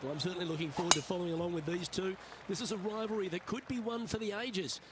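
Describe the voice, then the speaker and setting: A man playing a golf commentator, calling play in a polished, measured broadcast style for a video game. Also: high voice, steady tone, lightly acted. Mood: upbeat welcome. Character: upbeat male TV golf anchor. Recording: clear background noise.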